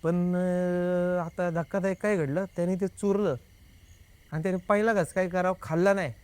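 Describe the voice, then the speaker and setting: A man's voice: high voice, normal speed, clear, resonant tone, dry recording. A young man, a guest, telling a personal experience in casual conversation, acting out the dialogue and often adding "I said". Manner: lively, re-enacts dialogue with many "I said" tags. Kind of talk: casual spoken storytelling.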